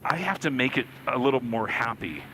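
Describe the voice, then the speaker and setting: Man, middle-aged, bright tone, casual storytelling, cockpit headset, faint engine noise. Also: mid-range voice, expressive, fairly quick, low-quality recording. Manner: warm, self-deprecating storyteller. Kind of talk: casual chat. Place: small airplane cockpit.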